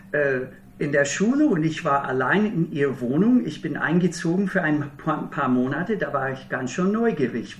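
American preacher in a roomy hall. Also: male voice, on the high side, fairly bright tone, a little hiss or hum. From Minnesota, USA. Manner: earnest storytelling with wry humor. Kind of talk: sermon. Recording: roomy hall heard from a distance.

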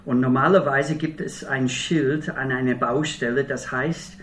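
With a steady, unhurried, medium-pitched voice that's fairly bright, a middle-aged Minnesotan preaches in German with an American accent. His stories are earnest and wryly humorous, recorded from a distance in a roomy hall with slight hiss or hum.

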